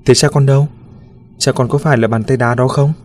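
A man's voice: mid-range voice, steady tone, a little fast, a little mellow, faint music behind, lightly acted. A man voicing a lonely middle-aged village woman who sounds timid and pleading, in a spoken ghost story. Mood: wondering.

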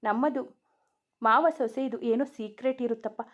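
A woman's voice: on the high side, normal speed, close to an everyday voice. A woman reading the lines of a playful young woman who teases and jokes with her family and friends. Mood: teasing. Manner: teasing, lively banter. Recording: dull lo-fi recording.

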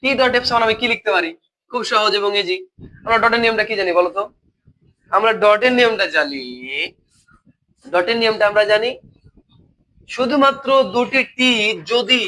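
A man with a Bangladeshi Bengali accent and a cold teaches a logic class online, his high voice pushed and bright on a low-quality recording. He is patient and repetitive, quizzing his students as he explains.

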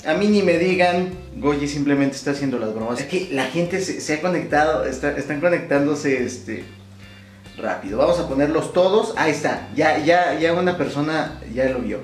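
A young adult YouTube prankster with a Mexican accent chats playfully to viewers in an expressive voice on the high side, at a normal pace. He's slangy and repeats himself a lot. He's in a small indoor room with shelves, and the recording has a roomy echo and light background music.

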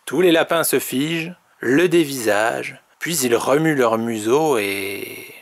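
A man reading a children's picture book aloud as a library storyteller, in an expressive read-aloud manner. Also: mid-range voice, slow, no room sound.

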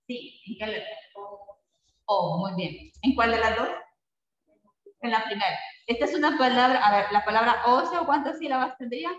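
A man's voice: very high voice, expressive, normal speed, pauses often, a bit bright. A man teaching a spelling lesson to a class, patient and checking in with frequent tag questions. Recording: echoey classroom, far from the mic, dull.

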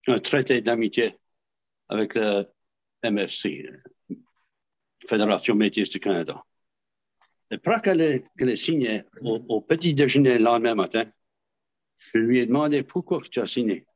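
An Acadian man of medium pitch tells stories in a casual interview, stumbling over and repeating his words and chuckling now and then. His voice comes through a slightly muffled, lo-fi recording. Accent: Acadian French. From southwest Nova Scotia. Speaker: interviewee, association representative.

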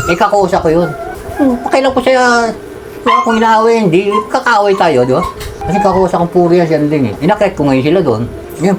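A man recounting his prison and gang days in quick casual storytelling, sinking low and quiet when he reflects. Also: noisy background. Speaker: interviewee, former gang member.

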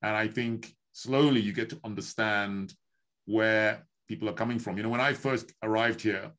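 Through a webcam on a video call, a Ghanaian host in his fifties interviews someone from a home room with wooden beams. He speaks at normal speed in a lowish, slightly bright voice with fairly even intonation. His manner is upbeat, chatty and friendly, with frequent repetition of phrases.

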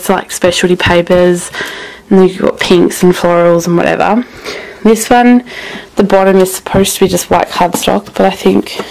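A young woman with a creaky voice, chatting casually and rambling through a craft room tour, laughing often. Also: mid-range voice, poor audio. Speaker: craft vlogger.

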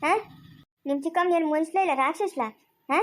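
An actress with a rural Chikkaballapur Kannada accent playing a kind neighbor woman who gently comforts a crying new mother. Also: extremely high pitch, quick pace. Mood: comforting.

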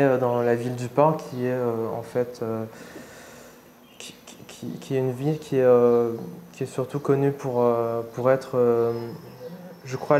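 A young man from Réunion gives a personal testimony in an interview, talking shyly and hesitantly with many pauses and restarts. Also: mid-range voice, dark tone, slight background noise. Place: seated indoors against a plain wall.

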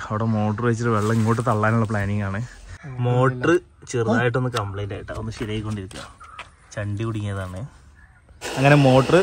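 A man in his thirties with a Kerala accent, chatting casually to viewers outdoors as a fishing vlogger, explaining as he goes and often checking in with the viewer. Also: on the low side. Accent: Malayalam, Kerala. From Kerala, India. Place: outdoors in paddy fields and a yard. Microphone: phone camera held by the speaker.

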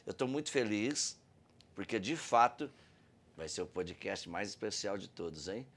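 A man's voice: on the low side, expressive, unhurried, a bit bright. A Brazilian man hosting a podcast, effusive and emotional as he introduces his guests. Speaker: podcast host.

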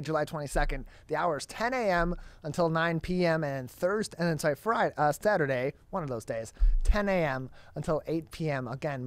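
A young American man hosts an interview and promotes events from an indoor studio, speaking close into a boom-arm broadcast microphone. His voice is a little high, with no echo.

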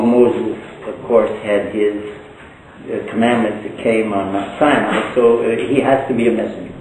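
Here the same kind of speaker, an older Islamic preacher from Texas with a Texan accent, gives a public lecture full of folksy humor inside a big hall. His pitch sits fairly low and his tone is dark, with a bit of background noise, captured from afar with lots of echo.

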